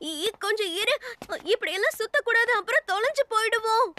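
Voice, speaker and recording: A woman voicing a timid, anxious schoolgirl in a Tamil anime dub, hesitant and prone to stammering, over soft music. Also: very high-pitched, brisk, no room sound.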